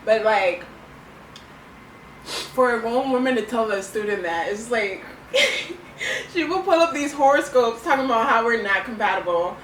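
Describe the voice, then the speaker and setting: A woman's voice: a little high, lively intonation, unhurried, a bit bright. A young woman chatting casually and telling stories in a giggly, chatty way as co-host of a couple's video. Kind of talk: casual chat. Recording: echoey room, distant mic, faint noise.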